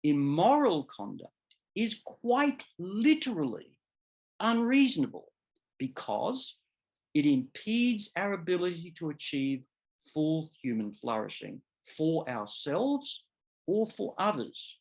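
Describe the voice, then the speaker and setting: Slow, animated lecturing law professor. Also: male voice, on the high side, vocal fry, dull audio. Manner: deliberate, emphatic, restates and corrects himself mid-phrase. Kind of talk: academic seminar lecture.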